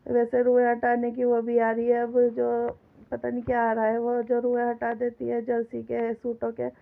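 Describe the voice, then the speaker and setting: Woman w a cough chatting away while making rotis, kinda highish and really monotone. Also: moderate pace, creaky. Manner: chatty, complaining, talks straight to viewers. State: sore throat with a cough. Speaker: home vlogger. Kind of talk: casual vlog chatter while cooking. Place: home kitchen. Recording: tinny phone-like sound.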